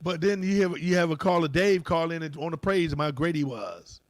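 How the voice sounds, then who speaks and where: High-voiced, indignant radio co-host. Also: male voice, a little fast, dry recording. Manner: animated, indignant storytelling with acted quotes. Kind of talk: casual radio talk, telling a personal story.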